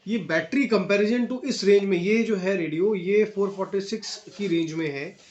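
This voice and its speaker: This Indian product reviewer speaks at normal speed in a high voice, captured with lo-fi sound. Unboxing casually, he explains features to viewers in a friendly tone with English terms mixed in, while the echoey room adds steady noise and clicks.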